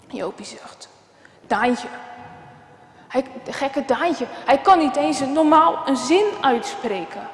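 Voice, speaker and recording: A woman telling a children's story in an expressive, dramatic way, recorded in a church. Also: sits high, slow pace. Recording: echoey church with long reverb.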